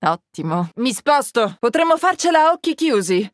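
A woman's voice: a little high, sing-song, normal speed, no echo. An actress voicing a menacing young woman agent in a video game, with cold, taunting, clipped callouts, recorded dry on a close studio mic. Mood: cool menacing. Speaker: voice actress dubbing a game character. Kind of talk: game voice lines.

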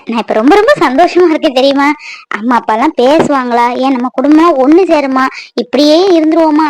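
A woman voicing an emotional, affectionate young wife in a cartoon, tearful and excitable. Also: sits high, no echo, lightly acted. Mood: tender, happy. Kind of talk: Tamil cartoon voice acting.

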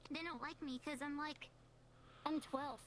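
Very high voice through a voice changer. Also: steady tone, unhurried, a bit bright. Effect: high-pitched voice changer. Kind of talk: casual online voice chat. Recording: clear background noise.

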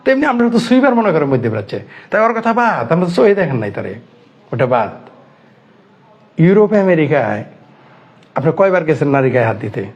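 A man's voice: a little high, sing-song, fairly quick, long pauses. A man from Bangladesh giving a heated commentary monologue, indignant, firing rhetorical questions and repeating phrases. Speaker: online commentator.

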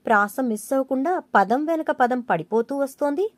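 Woman playing a witty young wife, sassy, quick comebacks, higher voice. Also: lively intonation, no echo. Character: sharp-tongued young wife, witty and feisty.

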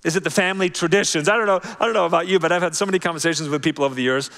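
A man preaching a sermon as pastor, talking in an animated, conversational way that drops to soft, quiet phrases. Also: fairly high pitch, racing. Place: large church auditorium. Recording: long church hall reverb.

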